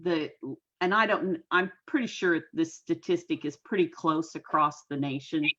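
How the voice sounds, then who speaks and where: A folksy woman in her sixties with a low, deep-set voice speaks earnestly and at a measured pace as an interview guest. Her voice comes through a video call that sounds dull and lo-fi. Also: a bit bright. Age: 60s. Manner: folksy, homespun phrasing. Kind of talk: casual interview talk.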